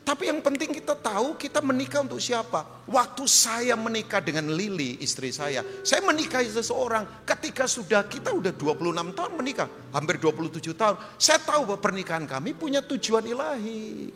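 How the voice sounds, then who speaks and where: A middle-aged man preaching a sermon as pastor, joking and swinging from loud shouts to quiet asides. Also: extremely high pitch, sing-song, a little fast, hardly any pauses. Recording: reverberant church hall.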